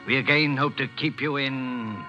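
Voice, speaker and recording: A man acting a brooding, theatrical mystery narrator from 1940s radio, grave and formal at a medium pitch. The recording is dull and old, with music clearly playing behind him. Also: moderate pace, sharp tone, natural voice. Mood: solemn. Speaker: announcer and narrator of a suspense show.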